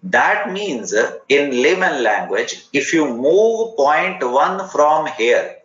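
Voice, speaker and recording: A man's voice: a little high, big pitch swings, slow pace, fairly bright tone. Indian man teaching, in roomy lo-fi audio. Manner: repeats short phrases and instructions, questioning students directly. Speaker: teacher of an online chemistry class. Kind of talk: interactive online lesson, mixing English and Hindi. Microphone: online class call. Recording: roomy, dull lo-fi online class audio with faint noise.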